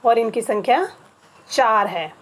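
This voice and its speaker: Slow, patient woman teaching a lesson. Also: on the high side, animated, a bit bright. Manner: patient, spells things out slowly with repetition. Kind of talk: Hindi grammar lesson.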